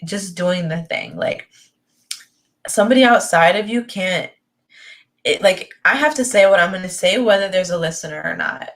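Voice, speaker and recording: A young woman, a spiritual coaching guest or host, muses about her life in a rambling personal talk packed with restarts and fillers like "like" and "you know." Her voice is lowish and slightly bright.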